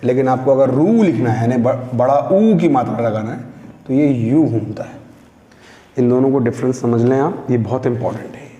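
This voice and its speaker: A male teacher giving a beginners' reading lesson, drawing out each syllable slowly and patiently prompting learners to repeat after him. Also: mid-range voice, mellow. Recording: echoey room with long reverb.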